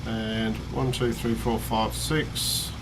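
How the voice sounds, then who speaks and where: An Australian man thinking aloud as he plays a strategy game, counting quietly under his breath, his voice worn and starting to go. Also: medium pitch, level tone, slow, background noise. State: losing his voice. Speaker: let's play host. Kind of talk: casual gameplay commentary.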